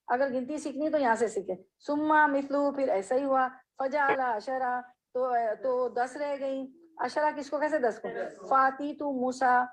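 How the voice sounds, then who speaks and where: A woman leads a hadith class. Her voice sits fairly high, and she reads each Arabic phrase slowly before explaining it and checking her listeners with questions. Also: poor audio. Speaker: religious teacher.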